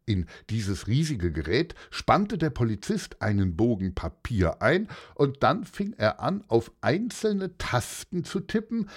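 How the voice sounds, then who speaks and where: A man narrating a children's story aloud in a lively, expressive way. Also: mid-range voice, slightly rough.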